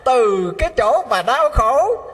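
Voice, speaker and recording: A man's voice: very high-pitched, very animated, slow pace, a bit bright, full character voice. A man with a Southern Vietnamese accent voicing a flustered older male temple abbot who exclaims in exasperation. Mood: exasperated. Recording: long hall reverb.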